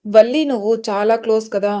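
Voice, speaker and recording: A woman's voice: a little high, steady tone, a little fast, dark tone, close to an everyday voice. Troubled young husband voiced by a woman narrator, blunt, questioning, audio story. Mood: serious.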